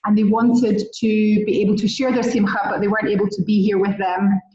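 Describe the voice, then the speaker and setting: Guesting on a podcast interview, a relocation concierge from Scotland chats and tells stories enthusiastically in her Scottish accent. Her mid-range voice is dark in tone, fairly quick, with fairly even intonation. The recording is roomy, distant, and muffled.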